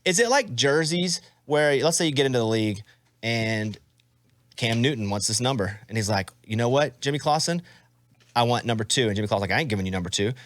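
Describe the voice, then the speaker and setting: A man in his forties hosts a podcast and fires off jokey, self-mocking questions at a rapid clip. His voice sits at an ordinary male pitch. The sound is dry and close to the mic. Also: animated, a bit bright, dry recording. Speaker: podcast host. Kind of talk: casual interview chat.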